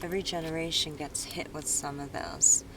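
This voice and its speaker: A woman's voice: low-pitched, fairly even intonation, moderate pace. A woman dance vlogger speaking unscripted to her viewers, earnest and rambling, stopping and restarting her thoughts in a room with an open window. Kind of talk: unscripted vlog monologue. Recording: loud street noise in the background.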